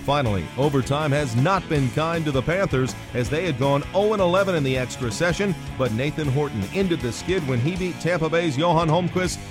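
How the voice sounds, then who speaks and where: A man reading a scripted radio report of sports highlights as a reporter. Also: a little fast, few pauses. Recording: music bed behind voice.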